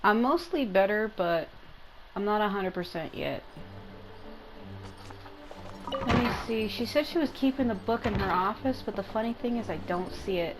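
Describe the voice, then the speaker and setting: With a mid-range, animated voice and a moderate pace broken by long pauses, a woman rambles through casual gameplay commentary, often rephrasing. She creates gaming content, and her rough recording has video game music in the background.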